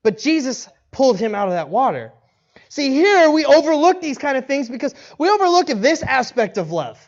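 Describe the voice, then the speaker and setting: A male pastor preaching in a casual, conversational way, animated and acting out bits of dialogue, often restarting his sentences. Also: very high-pitched, moderate pace. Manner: animated, acts out quoted dialogue, frequent restarts and laughs. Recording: dull lo-fi recording.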